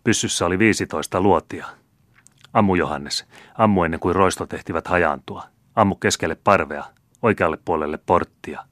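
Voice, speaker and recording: A man voicing a gruff, harsh middle-aged bailiff who barks orders in a storybook reading. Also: sits low, a bit bright, no room sound. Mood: commanding. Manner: barking orders, scornful.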